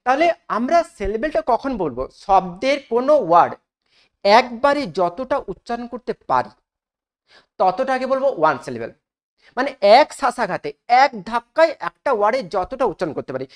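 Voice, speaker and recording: A woman teaches English grammar, stopping often to put questions to her students and going over each rule again, slowly and with emphasis. Her voice sits a little high and moves a lot from phrase to phrase. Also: very animated. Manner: asks the class questions and repeats rules slowly for emphasis. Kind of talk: spoken grammar lesson.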